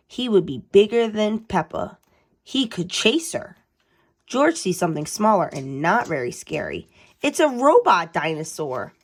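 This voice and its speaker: Animated woman reading aloud to kids. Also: medium pitch. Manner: animated, asks the listeners questions. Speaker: host reading a storybook aloud. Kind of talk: read-aloud for children.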